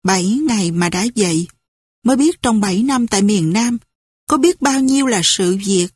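A woman voicing a young male fighter who speaks gently and reassuringly. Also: medium pitch, expressive, moderate pace, breathy edge, no room sound, studio quality. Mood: earnest.

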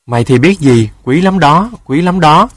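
A man's voice: on the high side, expressive, normal speed, fairly bright tone, no room sound, studio quality, voice pushed up. A man voicing a sly male dog in a storybook tale who scolds and lectures in a mocking way.

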